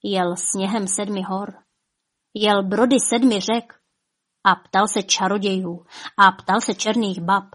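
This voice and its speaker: A woman narrating a fairy tale in a rhythmic, dramatic way, with soft drops in her voice. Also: medium pitch, steady tone, slightly rough. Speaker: storyteller. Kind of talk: expressive fairy-tale reading.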